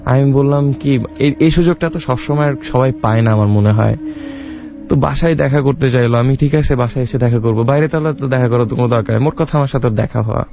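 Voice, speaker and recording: A young Bangladeshi man tells a long personal story in a rambling way, with many restarts, acting out the quoted dialogue as he goes. His voice is medium-pitched, fast and creaky, and the sound is lo-fi.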